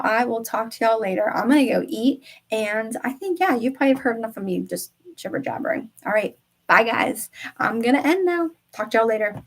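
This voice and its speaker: A woman's voice: a little high, poor audio. A woman wellness coach giving a casual live-stream talk to viewers, chatty and often tagging lines with a questioning "okay?".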